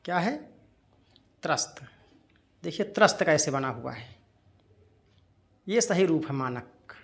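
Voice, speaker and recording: A man teaching Hindi spelling in a lesson, who asks his own questions, answers them, and repeats the words slowly. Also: on the high side, lively intonation, gravelly.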